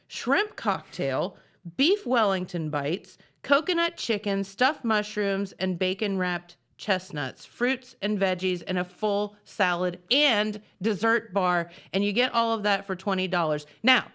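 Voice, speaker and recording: A woman's voice: medium pitch, expressive, slow pace, a bit bright, clear, resonant tone. A woman co-hosting a local morning TV show, chatting casually and reading community announcements in a studio.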